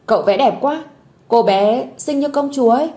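A woman's voice: high voice, normal speed, pitched above the performer's own voice. A woman playing a sweet weepy little girl. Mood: eager. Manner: bright childlike pleading.

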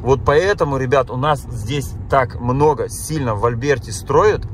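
Speaking a little slowly in a mid-range voice, a vlogger holds a casual chat with his viewers as he drives through town, frequently exclaiming at the things he passes. Born in Kazakhstan and having lived in Germany, he's a Russian speaker with that accent, and a little hiss or hum sits on the recording.

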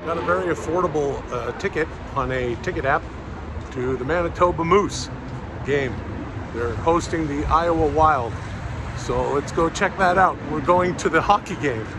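A man's voice: on the high side, moderate pace, background noise. A man from Canada hosting a casual vlog, joking and swearing in an offhand way. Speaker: vlog host.

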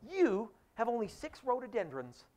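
A haughty older noblewoman sneers with indignant, scornful questions, as a male lecturer puts her on. The voice is pushed well above his own, reaching high on her outraged lines. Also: wildly swooping pitch, normal speed, mellow, exaggerated voice. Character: haughty older aristocratic woman.

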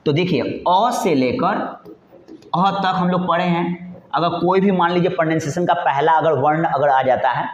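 A man's voice: a little high, normal speed. A male teacher giving an exam-prep grammar lesson, repeating points and answering his own questions in a coaxing way. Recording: echoey, dull lo-fi room sound.

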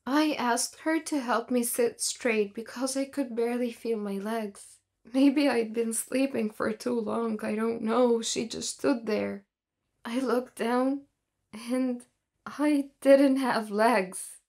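A woman's voice: a little high, fairly even intonation, slow, darkish tone. A woman reading a first-person life story aloud in a plain, earnest way. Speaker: narrator.

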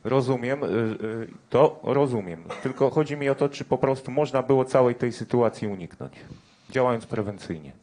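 A man's voice: mid-range voice, moderate pace, darkish tone. A male sports journalist asking persistent follow-up questions at a press conference.

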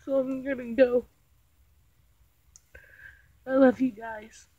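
A woman vlogger speaking to her viewers from home in a slow, halting way, close to tears. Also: high-pitched, little pitch movement, no room sound, phone-quality sound. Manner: slow, halting, soft-spoken. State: tearful, holding back crying. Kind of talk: emotional personal confession to viewers.

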